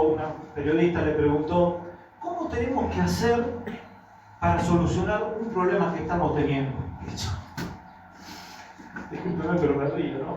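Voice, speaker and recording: A man's voice: a little high, a little mellow, heavy reverb, far from the mic, muffled recording, slight background noise. A man with an Argentine accent preaching a sermon, telling stories with quoted dialogue and asking the congregation rhetorical questions. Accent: Argentine Spanish. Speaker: pastor. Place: church hall.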